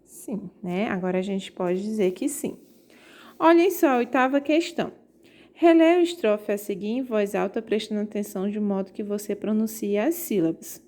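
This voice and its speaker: A woman's voice: medium pitch, warm tone. A woman teaching a poetry lesson to her students, explaining step by step and often checking in with them. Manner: explains slowly, checks in with "tá certo?"; reads verses aloud slowly. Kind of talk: remote class lesson.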